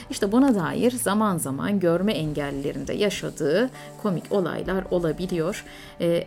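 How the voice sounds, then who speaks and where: A woman hosting a radio program, narrating in a measured way with frequent hesitant fillers. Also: on the low side, a little mellow.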